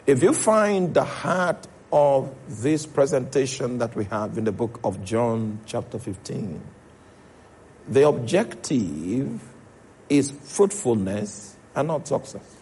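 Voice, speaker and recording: A man's voice: mid-range voice, expressive, slow pace, a little mellow, a little hiss or hum. A man with a Nigerian accent preaching a sermon as pastor, checking in with his congregation as he goes.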